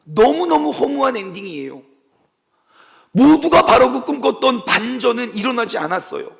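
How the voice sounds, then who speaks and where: Animated, gravelly-voiced preacher man. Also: very high voice, moderate pace, big-room sound. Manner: animated storytelling with playful sound effects. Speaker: pastor. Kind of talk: sermon. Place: church service.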